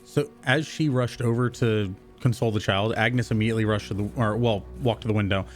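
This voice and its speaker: Guy player in a tabletop game, lowish voice, calm and steady, faint music. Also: a little fast. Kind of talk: casual tabletop play.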